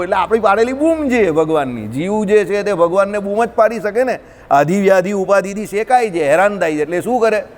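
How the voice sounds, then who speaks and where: A man giving a lively scripture discourse, talking straight to his listeners and slipping in English words. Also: sits high. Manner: lively, addresses listeners directly, mixes in English. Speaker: scripture teacher. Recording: long reverb of a hall.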